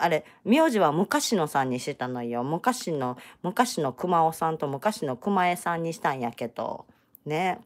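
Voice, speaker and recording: A middle-aged woman with a Kansai accent, talking on a casual crochet live stream. Her voice sits a little low but rises and falls in wide, lively swings. She teases and jokes in a loose, chatty way. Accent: Kansai Japanese. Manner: chatty, teasing, joking banter. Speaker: crochet channel host.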